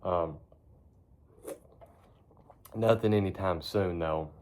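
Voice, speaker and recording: A man with a deep, low voice talks casually to a phone propped up in a barn. He is laid-back and folksy, rambling along and cursing offhand like he is catching up with regular viewers. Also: takes it slowly, a little mellow, slight background noise. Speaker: vlogger. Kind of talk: casual rambling chat to camera.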